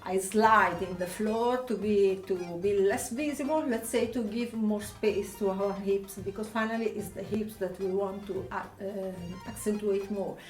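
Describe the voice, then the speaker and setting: Slow-spoken Italian woman teaching dance. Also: mid-range voice. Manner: calls out counts and step cues while dancing. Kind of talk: dance lesson instruction. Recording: echoey room, distant mic, faint music.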